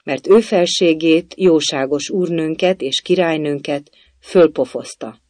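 A narrator voicing a timid, fearful rabbit courtier who speaks nervously and slowly. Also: medium pitch, no room sound, close to an everyday voice. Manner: nervous, hushed and slow.

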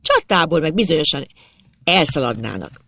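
An expressive reader tells a first-person story aloud. The voice swings freely in pitch with a gravelly texture, recorded close and dry with no room sound. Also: dry recording. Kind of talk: storybook narration.

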